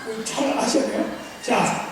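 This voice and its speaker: At a church seminar, a male pastor preaches in a very high, sing-song, darkish voice at normal speed, acting out little exchanges and drilling the congregation in call-and-response practice. The echoey sanctuary places him far from the mic, with faint noise.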